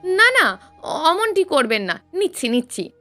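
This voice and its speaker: A woman voicing a shy, polite young male college student who speaks softly and formally. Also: extremely high pitch, very animated, unhurried, soft background music, pitched above the performer's own voice, exaggerated voice. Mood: flustered. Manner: meek, soft-spoken, formal.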